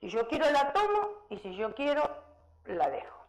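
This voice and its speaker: High, lively woman preaching. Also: moderate pace, rough recording. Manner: animated storytelling with rhetorical questions to the congregation. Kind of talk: sermon with personal anecdotes.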